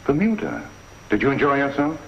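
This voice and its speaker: An actor playing a shrewd police inspector in a 1950s TV crime drama, measured, dry and quietly probing. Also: male voice, medium pitch, huge pitch swings, vocal fry, slight background noise. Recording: dull lo-fi 1950s TV soundtrack.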